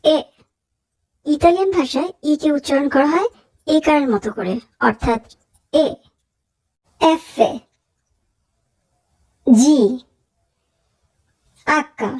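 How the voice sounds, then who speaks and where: A young woman teaching a language lesson, saying letters slowly and carefully for learners to repeat. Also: sits high, animated, darkish tone, rough recording. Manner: slow, careful pronunciation drills. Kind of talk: spoken alphabet lesson.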